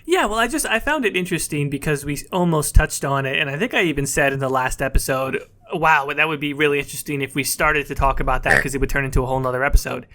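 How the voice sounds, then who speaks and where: A young man co-hosting a casual podcast. His voice is bright and sits a little high. He talks in a relaxed, chatty way and often tacks "man" or "bro" onto his lines. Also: quick pace, hardly any pauses. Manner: laid-back, chatty, says "man" and "bro" a lot. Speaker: podcast co-host.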